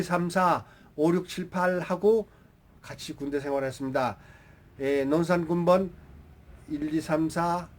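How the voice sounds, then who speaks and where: A man's voice: a little high, a little mellow. A man in his seventies telling old stories in a casual monologue, chatting directly to his viewers and drifting into rambling asides. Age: 70s. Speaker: YouTube storyteller.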